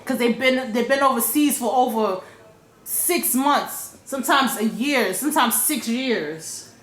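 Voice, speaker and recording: A woman's voice: on the high side, measured pace, echoey room, slight background noise. A woman vlogging her opinions in a blunt, profane way, repeating her points for emphasis. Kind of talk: casual opinion rant.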